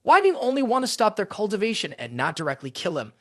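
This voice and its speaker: A man's voice: sits high, huge pitch swings, fast, a bit bright, no echo, clean studio sound, exaggerated voice. A man voicing a scheming female senior disciple in a fantasy story recap, who plays sweet and innocent.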